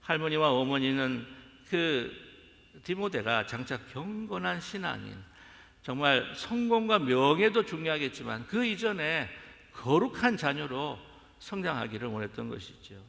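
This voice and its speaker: A male pastor delivers a sermon with a bright, gravelly voice that is pitched a little high. He addresses the congregation directly and throws rhetorical questions at them. His voice rings with a long echo through a church sanctuary. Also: big pitch swings, moderate pace.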